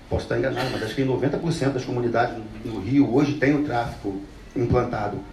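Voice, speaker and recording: A Brazilian man tells his life story in an earnest talk to an audience, speaking bluntly and passionately and repeating phrases for emphasis. His voice is medium-pitched and darkish. The recording sounds roomy, from a distant mic, with faint noise.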